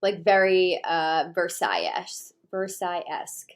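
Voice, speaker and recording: A woman's voice: fairly low pitch, moderate pace. A woman hosting a livestream, chatting casually and rambling with lots of "like". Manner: rambling, heavy use of "like". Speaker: livestream host.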